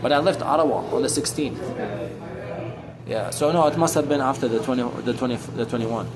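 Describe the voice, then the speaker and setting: A middle-aged Syrian man, a street guitarist and talker, speaks casually and off the cuff with a medium-pitched, brisk voice over a noisy crowd and guitar music. He rambles in a preachy way, repeating phrases for emphasis and calling the listener "brother." The recording quality is low.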